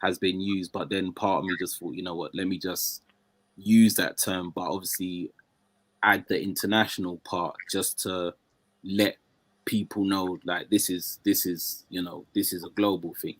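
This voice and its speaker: A man's voice: low voice, steady tone, normal speed, fairly bright tone, no room sound. A man speaking as a guest in a casual conversation, with many fillers and restarts.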